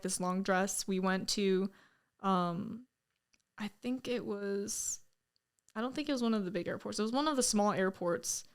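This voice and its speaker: A woman's voice: mid-range voice, clear, resonant tone. A young woman guest on a podcast, chatting casually, telling stories in an easygoing, upbeat way and laughing along. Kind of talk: casual chat.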